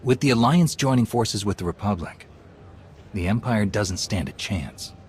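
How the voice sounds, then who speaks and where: An actor playing a calm, resolute Jedi commander in a video game, speaking in a measured, earnest, authoritative way. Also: male voice, on the low side, breathy edge.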